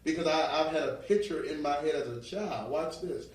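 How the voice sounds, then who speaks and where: A man's voice: fairly high pitch, brisk, slight background noise. A man from New Orleans who sounds like a New Yorker, telling motivational stories in a preacherly, emphatic way and often checking that listeners follow. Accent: New York. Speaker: interview guest. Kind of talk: motivational storytelling in an interview. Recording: very echoey room, distant microphone.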